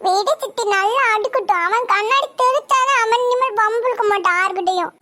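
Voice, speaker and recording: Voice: very high voice, a little fast, sharp tone. A performer voicing a small spirited girl who is fiercely protective and sassy in a cartoon. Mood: defiant. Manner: scolding, sassy, later pleading. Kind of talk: cartoon voice acting.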